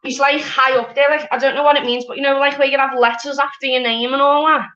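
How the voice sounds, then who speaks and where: Woman, Scouse accent, high voice, blunt, sweary, casual anecdotal chat, muffled recording. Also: little pitch movement, fast talker, a bit bright. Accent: Liverpool. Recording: dull lo-fi audio.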